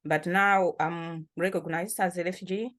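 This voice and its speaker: A woman's voice: on the low side, fairly even intonation, moderate pace, fairly bright tone. A woman from Malawi, a poet and activist, speaking as an interview guest. She talks casually, laughs often and repeats words while she gathers her thoughts.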